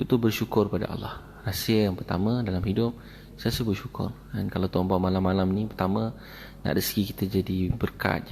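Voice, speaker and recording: A man's voice: deep voice, gravelly, a little mellow, a little hiss or hum. A male preacher with a Malaysian Malay accent, telling stories and repeating phrases for emphasis in a sermon. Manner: repetitive, storytelling, emphatic.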